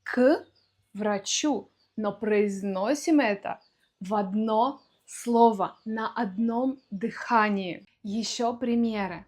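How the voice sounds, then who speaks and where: A woman teaching a video lesson, explaining pronunciation slowly and deliberately, with spoken examples. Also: mid-range voice, darkish tone. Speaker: language teacher.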